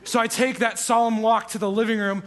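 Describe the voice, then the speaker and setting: A man's voice: high voice, little pitch movement, a little fast. A young man from Iowa, a church resident, introducing himself to a congregation with playful, self-deprecating humor and frequent laughs. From Iowa, USA. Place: church stage before a congregation.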